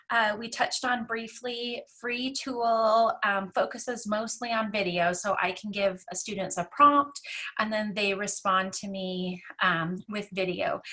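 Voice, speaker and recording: Woman teacher presenting in a hurry; bright, clear voice, quick pace with frequent ums. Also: mid-range voice. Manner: rushed, fast-talking, many filler ums. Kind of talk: conference presentation.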